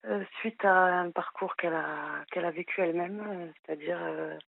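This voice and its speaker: A woman in her thirties from southwest France with a southwestern French accent, calling in to a radio show and speaking hesitantly with many pauses. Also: on the low side, steady tone, creaky, dry recording. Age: 30s. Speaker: caller. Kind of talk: radio call-in conversation. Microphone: telephone. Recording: tinny phone line, dry.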